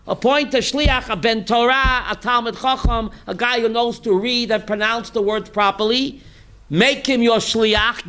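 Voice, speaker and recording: A rabbi with a high, bright voice teaches a Torah class, reading Hebrew text and then translating it. He quizzes his students in an animated way, firing off emphatic rhetorical questions.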